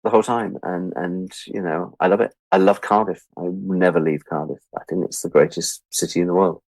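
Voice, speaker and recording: Being interviewed, a British freelance media producer of about sixty chats casually and reflectively, candid and wry, repeating words for emphasis. His deep voice holds a steady tone, a little fast and a little mellow with vocal fry, and there's no room sound.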